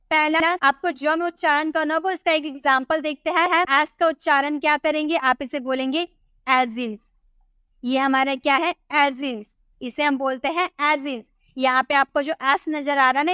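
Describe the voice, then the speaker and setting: A woman teaching English pronunciation in a tutorial, explaining rules patiently, asking rhetorical questions and repeating example words slowly. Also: high voice, fairly bright tone, no echo, studio quality.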